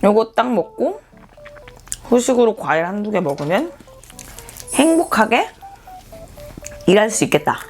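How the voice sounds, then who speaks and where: Eating on camera as a mukbang vlogger, this woman talks casually to her viewers with teasing, self-deprecating remarks. Her mid-range voice is sing-song and unhurried, marked by long pauses, and music runs in the background.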